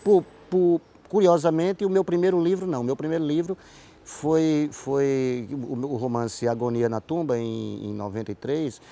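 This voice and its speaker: With a warm voice on the high side and a normal speaking speed, this male guest, a writer and playwright from Paraíba, Brazil, carries a Northeastern Brazilian accent. He gives conversational interview answers, explaining and repeating words while searching for the right phrasing.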